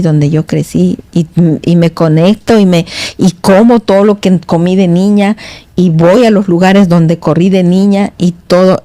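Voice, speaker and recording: A middle-aged woman speaks as a guest in a podcast studio, telling her stories in a halting, wandering way full of restarts. Her voice sits low and sounds dark and mellow. The sound is close and dry. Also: no room sound. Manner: meandering, halting storyteller with many restarts. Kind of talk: casual storytelling in conversation.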